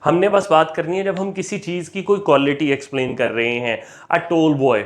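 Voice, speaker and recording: A male teacher giving a grammar lecture, explaining in Hindi-Urdu and reading English example sentences slowly and deliberately. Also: fairly high pitch, fairly even intonation.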